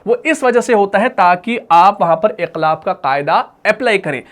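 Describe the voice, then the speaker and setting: A man with a fairly high voice teaching Quran recitation rules. He explains patiently, repeats each point, and checks with questions. His examples come in slow, drawn-out recitation. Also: a bit bright. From Pakistan.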